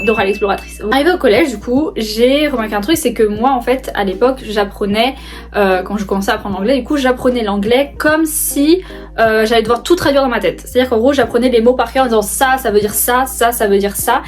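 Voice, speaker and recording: A young woman casually chatting to camera in a vlog, rambling with lots of fillers and restarts, laughing often. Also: a little high. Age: young adult. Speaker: book vlogger. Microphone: phone camera.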